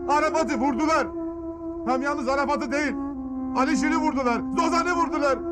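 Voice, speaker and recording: An actor playing a steady man who soothingly tries to calm a grieving friend. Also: very high-pitched, a little fast. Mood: grave. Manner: soothing, repetitive. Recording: loud crowd behind.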